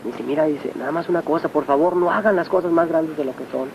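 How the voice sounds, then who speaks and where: A man's voice: fairly high pitch, fast talker, vocal fry. Mexican man telling a story on old tape. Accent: Mexican Spanish. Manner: storytelling, acts out quoted speech. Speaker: personal assistant recounting memories. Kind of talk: personal testimony. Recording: muffled 1980s tape with faint hiss.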